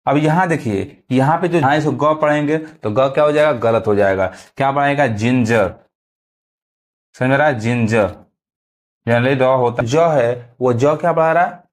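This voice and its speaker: A man's voice: mid-range voice, moderate pace. A man teaching English pronunciation in a video lesson, repeating words and often checking whether students understand. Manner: repetitive, keeps asking if students understand.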